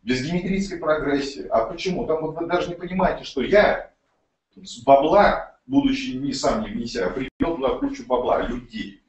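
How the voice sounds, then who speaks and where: This slightly high-voiced promoter of an online investment scheme talks to his audience at a moderate pace and animated tone, reading out messages and cursing freely in a blunt, casual way. The lo-fi audio sounds roomy and far from the mic, with some light noise behind.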